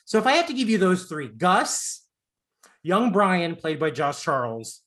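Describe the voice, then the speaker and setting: Here the interviewer's high voice turns sing-song, a little slow and a bit bright. He's about forty, Southern American, born on Long Island and raised in Florida, and he hosts this casual celebrity interview in a gushing, campy, joking manner.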